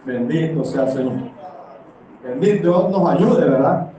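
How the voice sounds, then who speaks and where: The voice is a little high and dark-toned, with lively intonation and a measured pace. It belongs to a middle-aged Panamanian church elder whose impassioned, conversational preaching leans on rhetorical tag questions. He's in a small indoor hall full of congregants, recorded from a distance, so there's echo and background noise.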